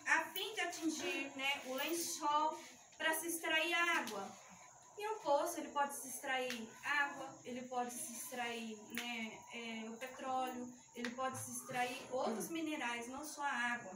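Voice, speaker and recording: A woman leads a youth ministry talk, walking her listeners through a hands-on demonstration in an explanatory, slightly nervous way. Her high, bright voice is picked up from a distance, with echo from the hall and a faint hum of the room behind her. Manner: explanatory, talks the audience through each step. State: shaky with nerves. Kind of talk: teaching talk with a live demonstration. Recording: echoey room mic from far off.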